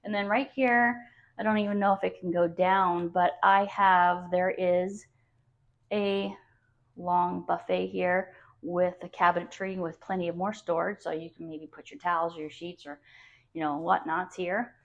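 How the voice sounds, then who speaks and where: A woman's voice: fairly low pitch, little pitch movement, a little slow, vocal fry. A woman real estate agent gushing chattily through a casual walk-through tour of a house as she moves from room to room. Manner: gushing, chatty sales talk. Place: indoors, walking through a house. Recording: dull, lo-fi sound.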